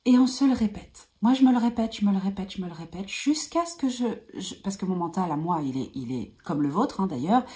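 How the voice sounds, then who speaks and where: A woman energy healer talking to her viewers in a gentle, soothing way, repeating calming phrases like a mantra, with frequent hesitations and at times a soft whisper. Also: on the low side. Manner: hesitant, many fillers and restarts. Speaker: energy healer giving advice. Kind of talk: advice vlog talking to viewers.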